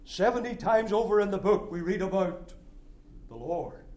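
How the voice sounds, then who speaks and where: A middle-aged man from Scotia, preaching a sermon, emphatic and rhythmic, swinging from loud declarations to quiet asides. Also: sits high, expressive, normal speed. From Nova Scotia, Canada.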